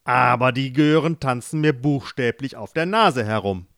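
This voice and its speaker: A man voicing an irritable, blustering middle-aged king who shouts in exasperation. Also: a little high, very animated, measured pace, no echo, studio quality. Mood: furious.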